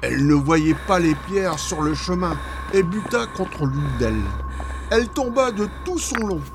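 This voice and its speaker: A man's voice: high voice, a little slow, very noisy. Man reading a children's story dramatically. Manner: expressive, dramatic read-aloud. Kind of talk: scripted storybook narration.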